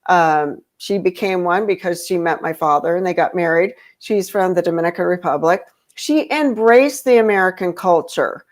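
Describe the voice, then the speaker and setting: A woman's voice: fairly low pitch, moderate pace, few pauses. Woman chatting with many fillers. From grew up in Europe. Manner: rambling, with many fillers and restarts. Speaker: podcast guest. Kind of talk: casual conversation.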